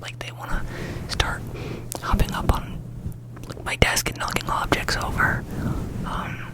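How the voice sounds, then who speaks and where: A young adult ASMR creator whispering breathily into a close microphone, chatting casually in a rambling, informal way with repeated words and phrases. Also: unhurried. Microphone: close ASMR microphone with fluffy cover.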